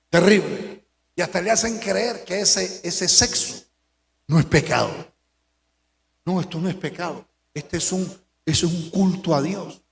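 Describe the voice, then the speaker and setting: A male pastor preaching a sermon, swinging between hushed lines and shouted warnings. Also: high voice, gravelly, reverberant, long reverb tail.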